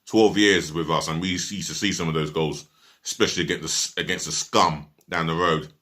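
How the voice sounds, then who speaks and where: A man's voice: low-pitched, steady tone, normal speed, pushed and bright. A man giving a casual, rambling football match review, blunt and swearing freely, sometimes talking with his mouth full. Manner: talks while eating.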